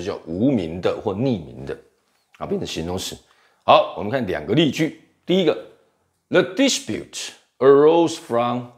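Low-voiced man teaching English vocabulary. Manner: explains in Mandarin, reads English slowly and spells words out. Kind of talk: vocabulary lesson.

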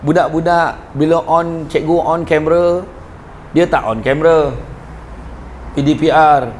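A middle-aged man with a Negeri Sembilan Malay accent delivers a religious lecture with a fairly high-pitched voice. He mixes joking, animated stories with low, earnest moral points. A faint hiss sits under the recording. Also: measured pace. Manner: animated storytelling with jokes and sudden drops to a low, earnest tone. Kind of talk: humorous religious lecture to parents and teachers. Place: school event before a live audience.

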